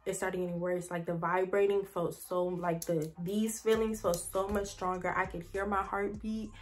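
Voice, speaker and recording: A woman's voice: lowish voice, flat delivery, moderate pace, soft background music. A young woman vlogging a casual storytime, rambling with lots of "like" and talking straight to her viewers as "y'all.". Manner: chatty, rambling, heavy "like" fillers, addresses viewers as y'all.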